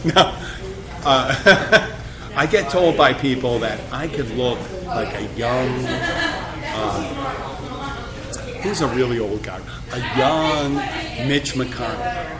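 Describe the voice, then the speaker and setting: A man in his fifties hosting a casual chat, animated and joking as he rambles from one story to the next. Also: mid-range voice, slow, pauses often. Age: 50s. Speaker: host. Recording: loud crowd chatter behind.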